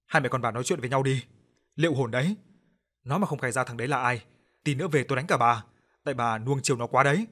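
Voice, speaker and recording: A man doing a furious shouting village father. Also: medium pitch, fast, close to an everyday voice. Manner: shouting, cursing, threatening. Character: furious harsh middle-aged village father.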